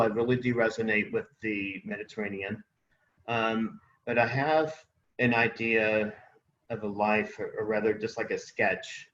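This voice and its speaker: A man's voice: medium pitch, fairly bright tone, echoey room, dull audio. A man co-hosting a casual spiritual conversation, rambling and searching for words with many fillers. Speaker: podcast co-host.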